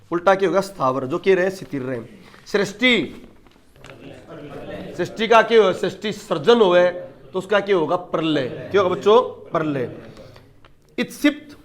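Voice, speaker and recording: High-voiced male teacher. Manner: emphatic, asks questions and answers them himself. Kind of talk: exam-prep lecture.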